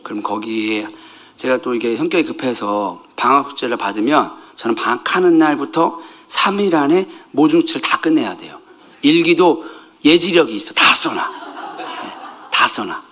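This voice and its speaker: Lively, bright-voiced man preaching. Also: mid-range voice, moderate pace. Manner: animated, swings between loud outbursts and soft asides, jokes with the congregation. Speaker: pastor. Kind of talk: conversational sermon.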